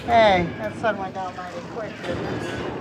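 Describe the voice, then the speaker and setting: A man's voice: high-pitched, fairly even intonation, a little slow, background noise. A man playing a brash Old West outlaw in a theme park ride, with a folksy drawl and stagecoach-driver hollering. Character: Old West outlaw bandit hijacking a tram, brash cowboy. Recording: loud music over ride vehicle sound.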